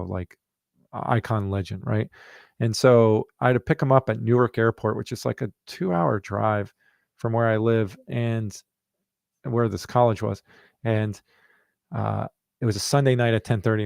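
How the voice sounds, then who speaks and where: Gravelly-voiced man telling stories. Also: mid-range voice, no echo, clean studio sound. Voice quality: gravelly, relaxed and rambling with many fillers. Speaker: running coach and podcast host. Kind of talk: casual storytelling and listener Q&A.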